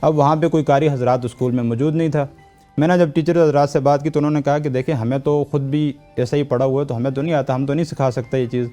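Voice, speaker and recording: Pakistani man patiently explaining, warm tone. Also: medium pitch, fairly even intonation, faint music behind. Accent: Pakistani Urdu. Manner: patient, instructive, repeats key points. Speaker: Quran teacher and guest. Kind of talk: explanatory talk-show interview.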